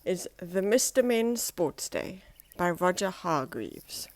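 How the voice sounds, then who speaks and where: A woman reading a children's story aloud in a gentle, expressive storytelling way. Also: fairly low pitch, slow pace.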